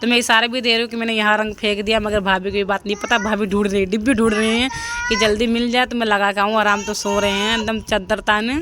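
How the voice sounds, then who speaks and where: A woman's voice: mid-range voice, level tone, fast talker, background noise. A young woman narrating her home video in a chatty voice-over, often pleading with viewers to comment. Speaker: family vlogger.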